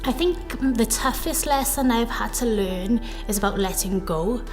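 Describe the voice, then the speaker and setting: A woman's voice: fairly high pitch, normal speed, a little mellow. Earnest woman with faint music behind. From South Wales. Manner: earnest, hedging with frequent fillers and self-corrections. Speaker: interviewee, data professional. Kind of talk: reflective interview talk.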